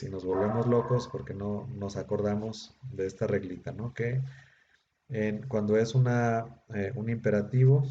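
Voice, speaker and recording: A man teaching a Hebrew grammar class, explaining patiently step by step and checking in with his students. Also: lowish voice. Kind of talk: grammar lesson. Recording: dull lo-fi recording with faint noise.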